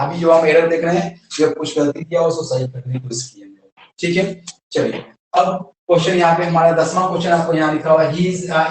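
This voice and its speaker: With a slightly high, darkish voice, an Indian-accented man teaches a grammar class as an English teacher, asking and answering his own questions. There's slight background noise, heavy room echo, and he sounds far away.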